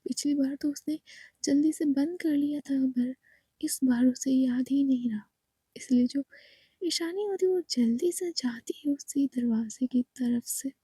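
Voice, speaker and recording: Soft-voiced whispered woman narrator. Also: high voice, dry recording. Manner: soft, hushed, unhurried. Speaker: storyteller.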